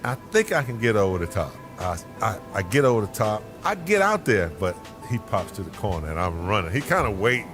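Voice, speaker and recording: A former pro player telling a salty, animated guarding story. His low voice swings widely in pitch, and music plays clearly behind him. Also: fairly quick, few pauses. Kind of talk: storytelling in an interview.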